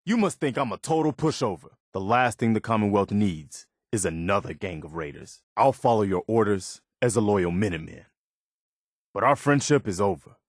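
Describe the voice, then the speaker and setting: The video game's earnest militia officer, a principled and loyal companion with firm morals, speaks sincerely and plainly in a fairly low voice recorded dry and close. With lively intonation at normal speed and no echo, he comes across disappointed and stern.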